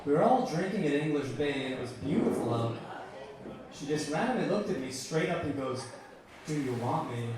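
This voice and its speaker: Stand-up comic, young guy, crude rambling anecdotes, booming bar echo, heard from a distance. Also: very animated, a little fast, a crowd in the background. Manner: profane, meandering anecdotes. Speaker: stand-up comedian. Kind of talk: stand-up storytelling. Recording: echoey bar from far off.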